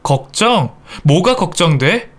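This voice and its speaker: A man's voice: high voice, big pitch swings, takes it slowly, voice pushed up, exaggerated voice. A man voicing a furious young daughter-in-law in a radio drama, with shrieking, sneering outbursts. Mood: scornful. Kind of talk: Korean radio drama acting.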